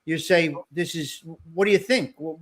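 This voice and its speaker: A man's voice: a little high, normal speed. A man hosting a casual livestream panel chat. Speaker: livestream show host.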